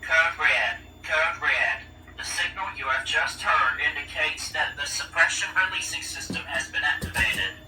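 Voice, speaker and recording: A man's recorded emergency announcement played over a building PA speaker, delivered in a calm, formal, scripted way. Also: fairly high pitch, measured pace, soft background music. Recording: echoey PA message heard from far off.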